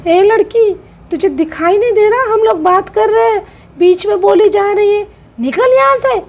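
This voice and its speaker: A woman's voice: fairly even intonation, unhurried, a little mellow. A woman voicing a bitter, dramatic middle-aged aunt who scolds and wails in a doll-play soap drama. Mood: complaining. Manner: shrill, wailing complaints.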